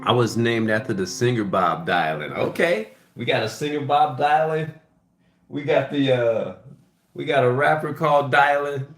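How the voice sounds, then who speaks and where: A man giving a casual live music lesson, thinking aloud in a halting way and often restarting his phrases. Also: medium pitch, a bit bright. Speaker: music teacher hosting a livestream. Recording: echoey room with piano playing. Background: piano.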